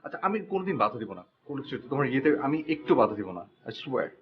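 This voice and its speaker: An actor playing a fussy, germ-fearing young husband in a TV drama, panicky and pleading. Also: male voice, medium pitch, very animated, very fast, muffled recording. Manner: panicky, then softly pleading. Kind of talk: TV drama acting.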